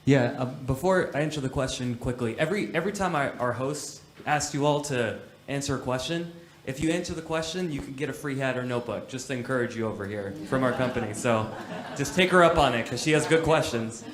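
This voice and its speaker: A man from the United States answers a question on a conference panel. He talks in a thoughtful, conversational way and quickens when he makes a point. The hall around him is roomy, with a faint background hum. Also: mid-range voice. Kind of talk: panel discussion. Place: conference stage.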